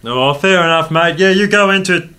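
A man's voice: fairly high pitch, fairly quick, sharp tone, smooth. A man playing an easygoing Australian sitcom cop with laid-back Aussie tradesman banter. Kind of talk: broad sitcom dialogue.

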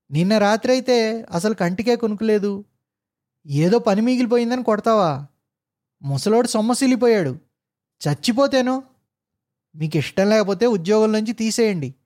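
Man voicing a defiant ex-soldier driver. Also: high-pitched. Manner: shouting, defiant and threatening. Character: hot-tempered former soldier male jeep driver.

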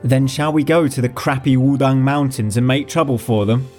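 A man's voice: fairly low pitch, darkish tone, faint music behind, lightly acted. Man doing a brash young nobleman. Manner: brash, quick, defiant. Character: young male noble heir, bold and cheeky. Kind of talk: audiobook character voice.

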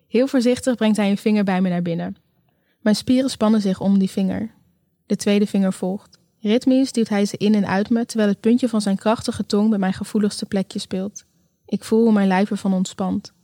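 A woman narrating a first-person erotic story slowly and sensually, in an intimate, close tone. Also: mid-range voice, warm tone, no room sound. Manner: slow, sensual, intimate delivery.

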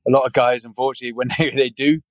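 A man's voice: medium pitch, steady tone, racing, no echo, low-quality recording. A British man in his forties, a guest chatting casually in an interview, rambling with many restarts and fillers. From United Kingdom. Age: 40s. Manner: rambling, many restarts, frequent "yeah" and "you know". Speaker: podcast guest.

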